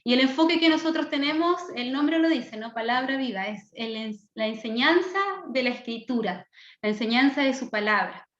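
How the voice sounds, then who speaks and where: A Chilean woman in her thirties speaks with fervent, earnest enthusiasm as a Bible teacher. Her voice sits high. The sound is dull and rings around a reverberant room. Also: moderate pace, a bit bright. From southern Chile. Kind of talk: online class introduction.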